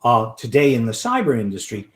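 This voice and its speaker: A man's voice: medium pitch, wildly swooping pitch. A man giving an online talk and then answering audience questions from the chat, with frequent fillers and restarts. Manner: halting, many fillers and restarts. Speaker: webinar presenter. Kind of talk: lecture with audience Q&A.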